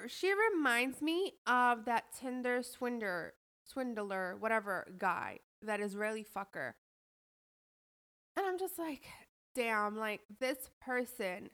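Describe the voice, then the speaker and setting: A woman's voice: medium pitch, fairly bright tone. A woman hosting a podcast, telling her own friendship stories in a casual monologue, blunt and profane, with lots of restarts and "like". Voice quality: blunt, heavily profane, emphatic. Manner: frequent restarts and filler "like". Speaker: podcast host.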